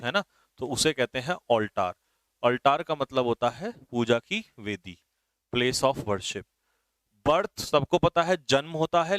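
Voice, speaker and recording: A man's voice: a little high, fairly bright tone, dry recording. A man teaching English vocabulary for an exam, often checking whether his students have understood. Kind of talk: exam vocabulary lesson in Hindi.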